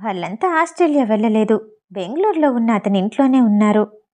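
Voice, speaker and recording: Brief: woman audiobook narrator, mellow warm tone, fairly high voice, steady storytelling. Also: brisk. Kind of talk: scripted novel narration.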